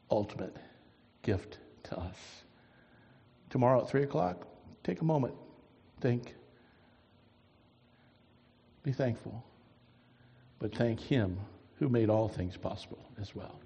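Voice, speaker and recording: A man preaching a sermon as a pastor, moving from quiet reflective asides to loud, emphatic declarations, and ending in prayer. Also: medium pitch, animated, measured pace, gravelly, long pauses, slightly rough, long reverb tail. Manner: swings from soft musing to loud emphatic preaching.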